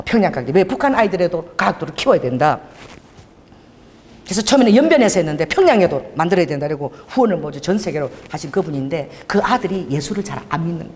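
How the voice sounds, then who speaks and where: A middle-aged woman pastor preaching a sermon, telling stories with laughter and acting out dialogue. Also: medium pitch. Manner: animated, laughing, acts out dialogue. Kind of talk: sermon with storytelling. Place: church sanctuary. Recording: long hall reverb.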